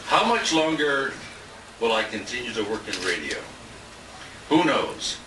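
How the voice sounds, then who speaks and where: A radio colleague with a mid-range, very animated voice and a measured pace gives an informal dinner tribute, chuckling through rambling anecdotes. The setting is an indoor restaurant event, filmed at a distance on a handheld compact camera that makes it sound roomy and noisy.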